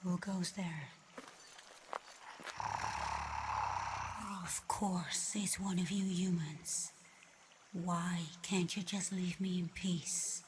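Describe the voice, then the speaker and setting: For an ASMR roleplay, a woman voices a reclusive, haughty she-dragon, speaking slowly and deliberately in a flat, controlled line on the low side. She sounds annoyed and threatening, mocking and menacing but with a streak of curiosity. Some background noise sits beneath her.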